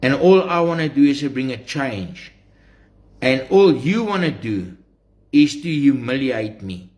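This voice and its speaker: Slow-talking South African man addressing followers. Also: medium pitch, expressive, darkish tone. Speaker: social media streamer. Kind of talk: live monologue addressed to followers.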